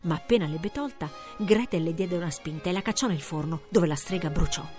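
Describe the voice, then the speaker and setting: A woman reading a fairy tale aloud in a measured storytelling manner, slowing down for effect. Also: on the low side, a little mellow, faint music behind. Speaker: storybook reader. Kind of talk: scripted fairy-tale narration.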